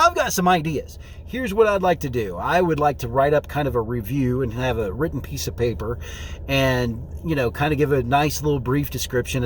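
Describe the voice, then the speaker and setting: Casual man vlogging from inside a car. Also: a little high. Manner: rambling, informal. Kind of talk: casual vlog chat, thinking aloud. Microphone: phone. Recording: car interior noise, phone recording. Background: faint vehicle ambience.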